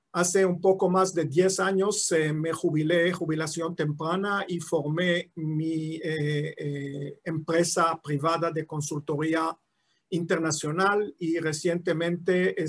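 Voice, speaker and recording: Slow, halting older man lecturing online. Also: fairly high pitch. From Israel. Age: 70s. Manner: halting, many drawn-out "eh" fillers and restarts. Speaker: guest lecturer. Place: at home in his city, video call. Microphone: video call mic.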